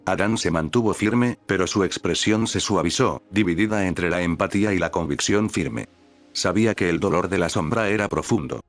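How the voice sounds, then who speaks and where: A man reading fan fiction as narrator, in an even, descriptive way. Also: deep voice, normal speed, faint music behind.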